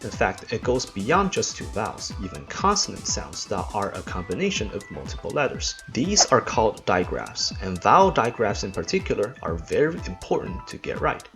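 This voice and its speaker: Man, English test tutor, lively swinging pitch, gravelly fry, faint music behind. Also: normal speed, hardly any pauses. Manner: dry jokey asides while explaining pronunciation rules. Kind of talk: scripted instructional explanation.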